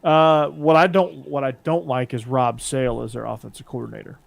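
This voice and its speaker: A man hosting a casual sports podcast, relaxed and rambling, often trailing off quietly. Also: mid-range voice, normal speed, vocal fry, dry recording. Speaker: podcast host.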